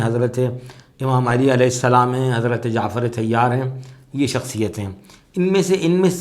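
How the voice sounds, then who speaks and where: A man teaches a class on soz recitation, speaking at middle pitch. His delivery is measured and explanatory, with frequent fillers, as he walks his students through each point. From Pakistan. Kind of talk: spoken lesson.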